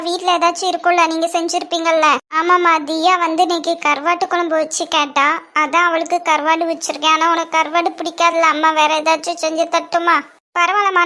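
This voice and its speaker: A woman's voice: very high-pitched, sharp tone. A woman with a Kanyakumari Tamil accent voicing young women and a fussing mother in a family cartoon, with a scolding, teasing manner.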